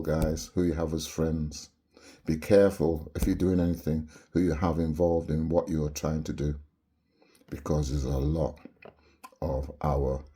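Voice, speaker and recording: Very deep, warm, and husky, a Barbadian vlogger's voice carries an impassioned, sermon-like monologue to camera. Rhetorical "yeah?" tags pepper what he says.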